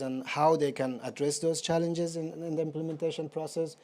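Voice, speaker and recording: A man's voice: a little high, a little mellow. A man giving a presentation, explaining a website step by step with frequent fillers.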